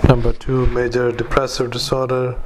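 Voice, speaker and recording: Monotone man doing clipped medical dictation. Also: medium pitch, moderate pace, noisy background. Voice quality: flat, monotone delivery. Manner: clipped fragments, spoken punctuation and formatting commands. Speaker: clinician dictating patient notes.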